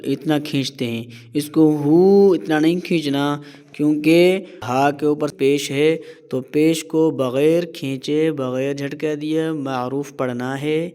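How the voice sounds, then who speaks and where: A man teaching correct Quran recitation, explaining each common mistake and then slowly demonstrating the right sound. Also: a little high, a little mellow, clear, resonant tone. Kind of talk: explaining recitation rules step by step.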